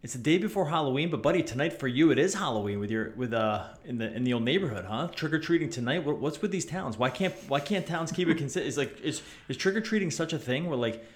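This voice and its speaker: A man's voice: on the high side, expressive, fast talker, hardly any pauses. Echoey-sounding man hosting a sports podcast. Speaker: podcast host. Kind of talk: casual sports podcast banter and analysis. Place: echoey room. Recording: echoey, roomy makeshift podcast setup.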